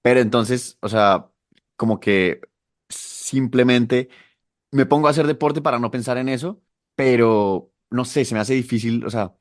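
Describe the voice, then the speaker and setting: A man's voice: mid-range voice, a little slow, no room sound, studio quality. A young man co-hosting a podcast, thinking aloud in a reflective, hesitant way. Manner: reflective, hesitant, many fillers. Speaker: podcast co-host. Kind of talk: casual conversational talk.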